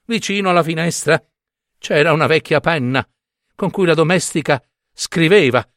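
A man reading a fairy tale aloud in an expressive, playful way. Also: fairly high pitch, normal speed, no room sound, clean studio sound. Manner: animated, playful. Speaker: storyteller.

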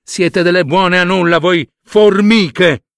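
A man's voice: creaky, no echo, studio quality, heavily acted. A man playing a swaggering boastful elephant. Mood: mocking. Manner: loud, booming, slow, swaggering. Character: boastful arrogant bull elephant, huge and mocking.

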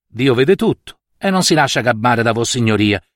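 A humble, pious workman addresses his master respectfully and hesitantly, as a male narrator voices him. His speech sits lower and softer than the master's, heard dry and close in a storybook reading. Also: expressive, moderate pace, no echo, close to an everyday voice. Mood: earnest. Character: humble craftsman, deferential and pious.

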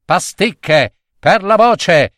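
A man voicing a loud male street charlatan who cries his wares in a sing-song way. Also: sits high, expressive, drawn-out words, no echo, studio quality, pitched above the performer's own voice, heavily acted. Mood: hawking.

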